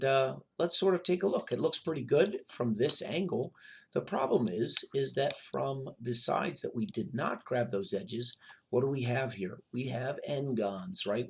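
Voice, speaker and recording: Low-voiced man narrating a software tutorial. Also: creaky, slightly rough. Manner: relaxed, many "um"s, talks while demonstrating. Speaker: instructor.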